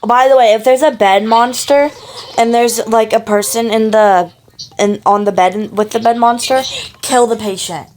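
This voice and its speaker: A woman's voice: a little high, steady tone, normal speed, a little mellow, slight background noise. A woman hosting a casual gameplay session with friends, rambling and talking over the others. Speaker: gaming channel host.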